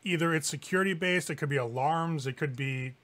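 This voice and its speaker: A man with a slightly high voice runs a tabletop game. He narrates casually and informally, swearing freely as he describes the scene. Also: a little fast, fairly bright tone. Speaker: game master.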